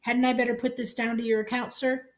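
A woman's voice: a little high, little pitch movement, brisk, voice pushed up, lightly acted. A woman reading the part of a polite, deferential bank cashier.

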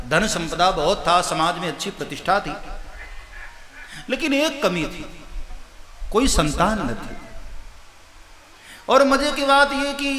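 A man preaching a religious story with jokes and anecdotes, in a large hall. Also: high voice. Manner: jokey, anecdotal. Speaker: katha preacher. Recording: echoey hall over loudspeakers.

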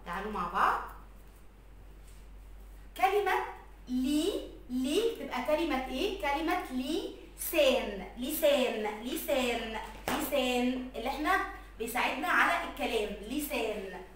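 High, lively Egyptian woman teaching little children. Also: heavy reverb, far from the mic, a little hiss or hum. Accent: Egyptian Arabic. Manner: slow, drawn-out sounding of letters and words. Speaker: kindergarten Arabic teacher. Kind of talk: recorded lesson for young children.

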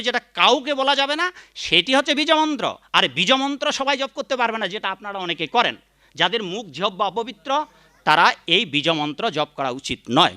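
A man's voice: high voice, bright, forceful tone. A man giving a devotional sermon, chanting the mantra between points and scolding critics. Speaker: preacher.

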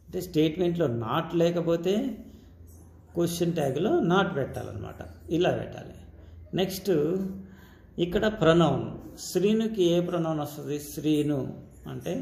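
A man's voice: fairly high pitch, animated, normal speed, creaky, pauses often, darkish tone, reverberant. A man with a Telugu accent teaching English grammar step by step, checking in with his students as he goes. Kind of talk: classroom-style grammar lesson.

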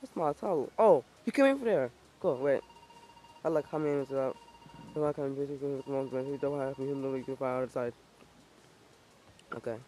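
A man giving excitable, self-mocking commentary while playing a video game, swearing at it when things go wrong. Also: medium pitch, fairly quick, pauses often, slight background noise. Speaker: gaming YouTuber. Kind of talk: let's-play commentary.

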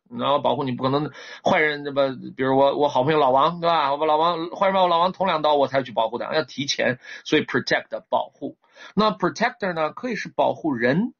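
A man teaching English word roots in a recorded lecture, lively and repetitive, drawing out English words slowly. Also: mid-range voice, vocal fry, slightly rough. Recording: dull lo-fi recording.

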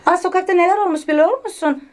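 A sweet, chatty young woman with a Rum accent coos her lines in a sing-song, coaxing way, as a woman acts her out. The voice sits very high. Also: fast, a little mellow. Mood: fussing, soothing. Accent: Greek-Turkish Rum accent.

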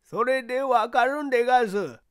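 A woman's voice: a little high, moderate pace, natural voice. A woman voicing a simple, earnest old male servant who talks in a thick rural dialect. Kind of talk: audiobook character reading.

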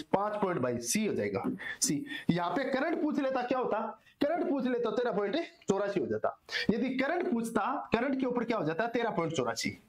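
A hoarse man teaching an exam-solution lecture, repeating answers and asking and answering his own questions. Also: high-pitched. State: hoarse, strained throat. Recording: echoey room.

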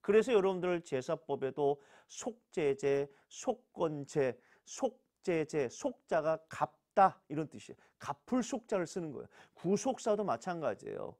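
A man's voice: fairly high pitch, sing-song, unhurried, hardly any pauses, darkish tone. A man, a pastor, teaching a church Bible class. He asks questions and answers them himself, and repeats key words for emphasis.

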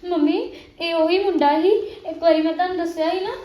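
A woman's voice: extremely high pitch, fairly even intonation, fast talker, mellow. A young woman playing a tearful, pleading daughter. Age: young adult. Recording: echoey room.

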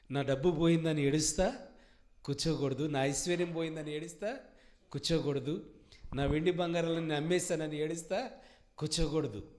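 A man with an Andhra Telugu accent preaching a sermon at an all-night prayer meeting, repeating phrases and calling for answers from the congregation. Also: mid-range voice. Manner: emphatic preaching, swings from soft to loud. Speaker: pastor.

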